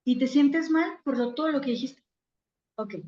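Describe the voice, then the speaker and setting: Psychologist lecturing, woman, high voice, dull lo-fi sound. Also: moderate pace, darkish tone, reverberant. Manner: conversational, acts out little scenes with quoted voices. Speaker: psychologist giving a talk. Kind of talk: virtual conference talk.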